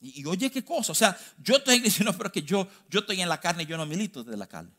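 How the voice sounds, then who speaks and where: A Dominican man preaching with a notably high voice. He leans hard on key phrases, slowing them right down, then speeds through quick asides in between. The rhythm stays emphatic throughout the sermon. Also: very animated, a bit bright. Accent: Dominican Spanish. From Dominican Republic.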